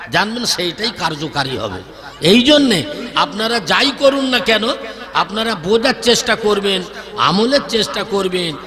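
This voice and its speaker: High-voiced man preaching over a PA. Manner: emphatic, rhythmic preaching with repeated lists and calls to the audience. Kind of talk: Islamic sermon (waz) to a crowd. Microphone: public address microphone. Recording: long hall reverb with audible crowd. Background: crowd of listeners.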